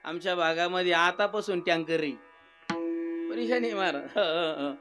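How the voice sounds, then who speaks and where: Man, kirtan preacher, very high voice, animated storytelling, faint devotional music behind. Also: moderate pace. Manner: animated storytelling, jokes and questions to the audience. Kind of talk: humorous devotional kirtan sermon.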